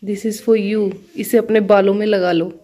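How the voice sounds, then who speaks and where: A woman's voice: mid-range voice, little pitch movement, a little slow, mellow. A woman vlogging casually from her home kitchen, a chatty mother who laughs often and coos playfully at her kids. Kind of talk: casual home vlog chat.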